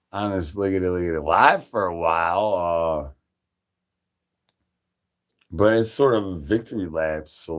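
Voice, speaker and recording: A man from Chicago talks on his livestream in a deep, unhurried voice. He rambles casually, swears freely, and stops to throw out shout-outs, with a lot of "like" and "uh" along the way. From Chicago, Illinois. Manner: loose, profane, full of fillers and shout-outs. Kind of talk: rambling casual stream chat.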